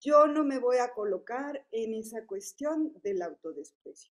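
A woman's voice: on the high side, animated, measured pace. A woman in her fifties with a Mexican accent, speaking casually as a panelist at a forum, with many fillers and tag questions. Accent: Mexican Spanish. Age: 50s. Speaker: panelist at a public policy forum. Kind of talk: forum talk, conversational.

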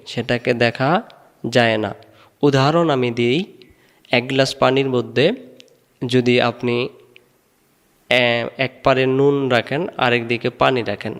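A man teaching an online Quran reading lesson, drilling letters and vowel sounds slowly and patiently, asking questions and answering them himself. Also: medium pitch, clear, resonant tone. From Bangladesh. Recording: long hall reverb.

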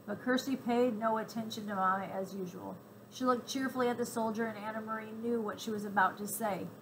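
A woman reading a children's novel aloud, in clear, even storytelling narration. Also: fairly high pitch, fairly quick, noisy background. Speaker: reader.

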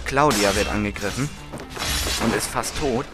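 A man's voice: lowish voice, moderate pace. A man giving casual gameplay commentary as a let's play host, chatty and often correcting himself. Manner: chatty, self-correcting, frustrated at times. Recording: commentary over loud game music.

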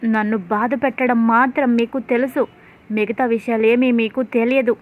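A woman's voice: on the high side, steady tone, normal speed, lightly acted. A woman voicing a young wife who accuses her husband in tearful anger. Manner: crying, accusing. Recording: tinny phone-like sound.

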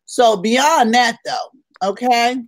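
A woman co-hosting a casual morning chat show, loud and laughing as she tells stories and gossips. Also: fairly high pitch, slow pace, no echo. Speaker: co-host.

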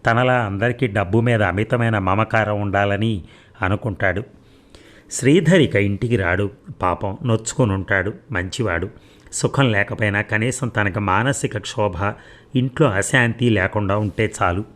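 A man reading a story aloud as a narrator, steady and measured. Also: fairly low pitch.

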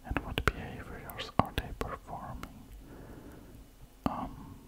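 A man in his thirties speaking in a close-up, hushed wildlife watching whisper, reading aloud and commenting unhurriedly in an ASMR style. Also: takes it slowly. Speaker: ASMR host. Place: indoors at a computer.

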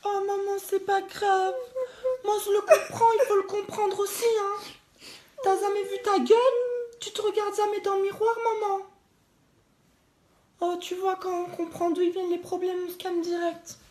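A woman doing a cheeky little girl, high and soft. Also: little pitch movement, moderate pace, roomy sound. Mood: teasing. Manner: teasing, soft-voiced. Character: cheeky little girl mocking her mother.

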